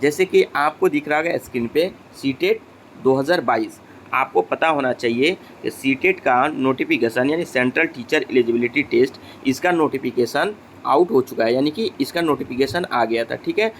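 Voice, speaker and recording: A man's voice: mid-range voice, moderate pace, slight background noise. Man explaining exam tips in Hinglish. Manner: mixes Hindi and English, addresses viewers directly; frequent fillers and checks like okay. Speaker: educational channel host. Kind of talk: exam guidance talk to students.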